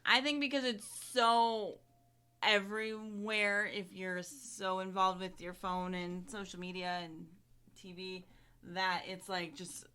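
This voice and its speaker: A woman's voice: mid-range voice, flat delivery, slow, pushed and bright, clear, resonant tone. A woman in her thirties co-hosting a podcast, chatting casually and leaning on "like" as she talks. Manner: chatty, many "like" fillers, laughs often. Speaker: podcast co-host. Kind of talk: casual chat.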